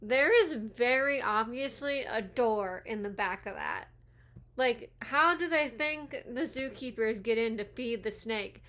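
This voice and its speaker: A woman's voice: on the high side, unhurried, sharp tone. A woman in her twenties giving chatty, giggly movie commentary and going off on tangents, speaking around new retainers.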